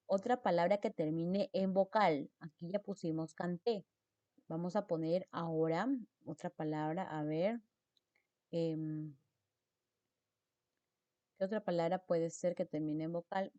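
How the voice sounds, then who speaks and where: A woman's voice: lowish voice, dark tone, no echo, dull audio. A woman teacher explains mark rules, repeating example words and checking in with her students. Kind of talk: spelling lesson on accent marks.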